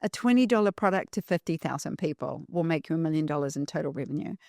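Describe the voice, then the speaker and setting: A woman's voice: low voice, fast talker, vocal fry, darkish tone, no echo, studio quality. A woman guest on a podcast, telling stories emphatically and repeating key phrases for effect. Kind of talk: storytelling in an interview.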